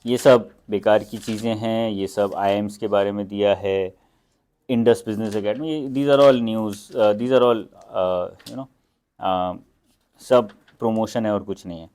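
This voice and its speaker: A man's voice: on the low side, steady tone, takes it slowly, darkish tone, clear, resonant tone. A young Indian man teaching exam preparation in a casual, conversational way, mixing English phrases into Hindi with frequent fillers. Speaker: exam prep educator. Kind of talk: casual instructional talk.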